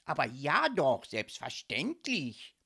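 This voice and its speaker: Cast a woman playing a vain, friendly storybook ghost man; breathy, unhurried, secretive. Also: low-pitched, wildly swooping pitch, bright, forceful tone, heavily acted. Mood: proud. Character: cheerful vain male ghost in striped pajamas.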